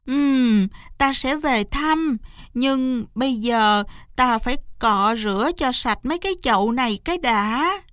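A woman's voice: on the high side, expressive, a little slow, a bit bright, clean tone, dry recording, clean studio sound. A woman voicing a lazy young sister who answers in a breezy, offhand way in a storybook tale. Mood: dismissive.

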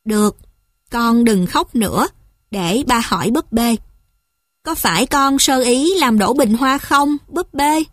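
A woman voicing a stern but gentle father in a storybook reading, calm and firm. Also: on the high side, slow, no room sound, clean studio sound.

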